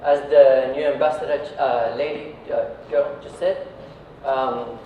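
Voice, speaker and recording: The speaker, an Iraqi company founder, addresses an audience conversationally, repeatedly tossing in tag questions such as "right" and "yeah." His medium-pitched voice stays fairly even and runs a little slow. The mic sits far off in an echoey indoor space, leaving the audio dull with faint noise.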